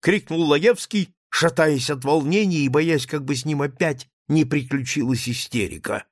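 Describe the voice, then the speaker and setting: A man narrating a literary audiobook in an expressive storytelling manner, recorded on a close studio mic. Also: mid-range voice, moderate pace, dry recording.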